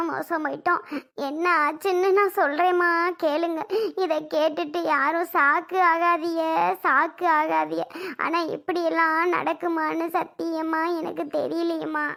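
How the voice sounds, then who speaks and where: Woman playing a tearful, pleading daughter, very high voice. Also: creaky, pushed and bright, exaggerated voice. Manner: pleading, sobbing. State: crying. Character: distraught tearful adult daughter. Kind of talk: family skit acting.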